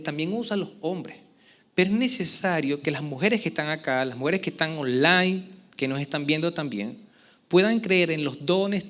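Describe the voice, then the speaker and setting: A man preaching a sermon as pastor to a church congregation, with expressive delivery and frequent questions to the listeners. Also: high voice. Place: church service before a congregation.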